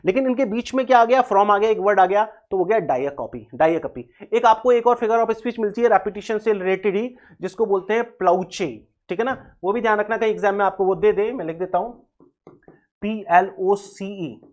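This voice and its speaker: A man's voice: high-pitched, fairly quick, few pauses, a little mellow. A man giving an exam-prep English lesson. He mixes Hindi with English terms, explains step by step, repeats key terms and spells words letter by letter. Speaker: English teacher. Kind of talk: exam-prep video lecture.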